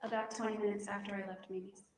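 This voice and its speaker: A woman answers questions on the witness stand in a soft, hesitant, mumbling voice. She sounds far from the mic, in echoey courtroom audio with a faint hiss behind her. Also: medium pitch, flat delivery, fast. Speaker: defendant testifying as witness. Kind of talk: courtroom testimony.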